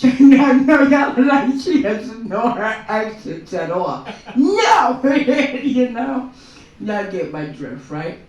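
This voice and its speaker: A woman at an open mic, rambling through her set and forever asking the crowd if they follow. She takes her time, speaking slowly. Her voice reaches the mic from across a very echoey room. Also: on the low side, warm tone, far from the mic, highs cut off. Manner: rambling, keeps checking in with the crowd. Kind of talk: stand-up monologue.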